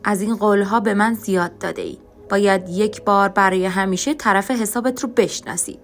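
A woman voicing a stern, angry middle-aged father who shouts and scolds, in an audiobook story. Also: mid-range voice, faint music behind, lightly acted. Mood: menacing.

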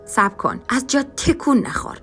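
A woman voicing a stern, angry middle-aged father who shouts and scolds, in an audiobook story. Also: fairly high pitch, expressive, faint music behind, voice pushed up. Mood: menacing.

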